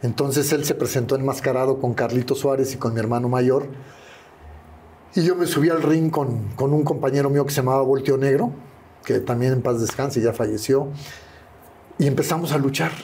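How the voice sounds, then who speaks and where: Older mexican guy, gravelly and mellow, chatty storyteller in an interview, does little voices for people. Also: mid-range voice, normal speed, a little hiss or hum. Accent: Mexican Spanish. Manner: lively anecdotal storyteller, acting out quoted voices. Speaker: interview guest, retired wrestler.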